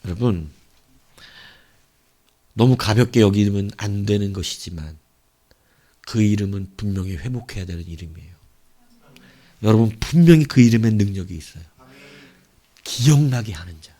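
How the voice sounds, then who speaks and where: A man preaching a sermon as pastor, telling stories animatedly and swinging between hushed asides and loud, emphatic exclamations. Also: fairly low pitch, moderate pace, long pauses.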